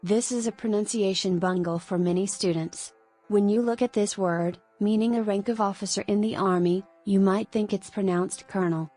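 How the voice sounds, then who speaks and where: Woman reading a word lesson, clear and a bit playful, soft music under it. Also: medium pitch, steady tone, moderate pace. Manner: clear, explanatory, lightly playful. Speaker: narrator. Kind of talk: scripted explainer narration. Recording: faint background music.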